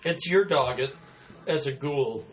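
A man's voice: medium pitch, measured pace. A man chatting as co-host over gameplay, goofy and riffing with his partner. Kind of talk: casual gameplay commentary.

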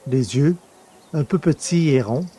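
A man narrating a story in the first person, in a measured storytelling manner. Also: fairly high pitch, animated, dark tone, breathy edge.

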